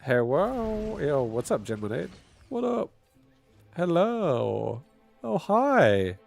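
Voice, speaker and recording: While streaming a game, a congested-sounding man offers casual live commentary, musing aloud with the odd excited shout. His voice is fairly high-pitched and slow, with vocal fry, and faint music sits in the background.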